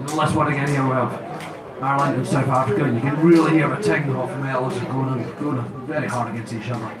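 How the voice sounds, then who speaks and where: A man's voice: mid-range voice, fairly even intonation, fast talker. Distant echoey male fight commentator. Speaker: live combat sport commentator. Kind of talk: live play-by-play commentary. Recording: distant, echoey, very loud crowd. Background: loud tournament crowd.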